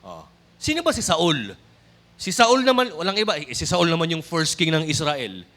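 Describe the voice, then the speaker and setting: A man's voice: on the high side, very animated, moderate pace, fairly bright tone. A man with a Filipino accent preaching a sermon, switching between Tagalog and English and often addressing the congregation directly. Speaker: pastor.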